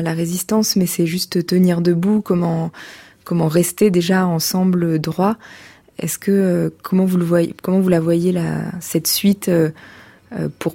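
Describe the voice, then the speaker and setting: Mellow, lower-pitched woman radio host. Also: gravelly, no echo. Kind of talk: radio interview with poetic introductions. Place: radio studio.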